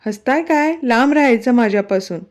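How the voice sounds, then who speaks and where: A woman's voice: on the high side, expressive, fairly quick, natural voice. Woman voicing a shy, flustered young wife. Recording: dull, lo-fi recording.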